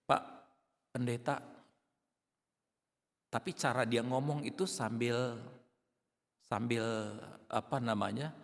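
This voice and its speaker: A male pastor preaching a sermon in a dramatic way, now and then shouting out acted outbursts. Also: lowish voice, creaky, in a large hall.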